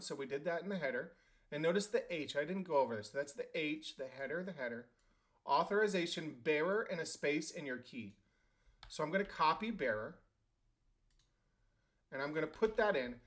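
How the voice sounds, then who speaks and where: Walking viewers through setting up software on screen, this man keeps it informal, talking through his thoughts with fillers and fast self-corrections. For a man, his voice is a little high-pitched.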